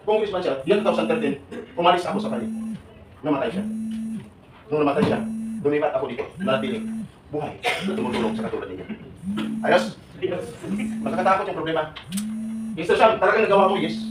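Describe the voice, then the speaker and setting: Older man, 70s, live seminar speaker, quick and joking, echoey hall recording. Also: a little high, recorded from a distance, a little hiss or hum. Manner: animated, joking, questioning the audience. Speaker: OFW advocate speaking to workers. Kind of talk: live seminar talk to a crowd. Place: large hall with an audience.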